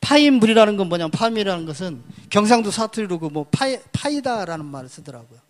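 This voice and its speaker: High-voiced man lecturing on characters. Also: sing-song, fast talker. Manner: explanatory, pointing at characters on a board; asks and answers his own questions. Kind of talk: public lecture on Chinese characters.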